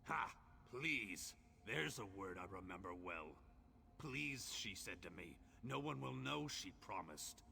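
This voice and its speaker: A man's voice: on the low side, lively intonation, a little slow, vocal fry, bright, forceful tone, a little hiss or hum, heavily acted. An actor playing an ancient imprisoned orc in a fantasy game, bitter and lovelorn, telling his tale in solemn, archaic, theatrical speech. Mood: bitter, impassioned. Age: old. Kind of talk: dramatic fantasy game dialogue.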